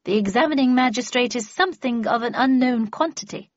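A woman reader voicing an imperious, sharp-tongued older woman who speaks in clipped, scornful, commanding tones, on a dull lo-fi recording. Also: fairly high pitch, a little fast, dry recording, pitched above the performer's own voice, lightly acted.

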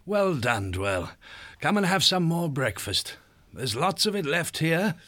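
A man's voice: fairly high pitch, big pitch swings, a little slow, dry recording, voice pushed up, exaggerated voice. A man voicing a kindly, hospitable male abbey father in an audiobook, with a fatherly, welcoming manner. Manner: warm-hearted, welcoming, fatherly.

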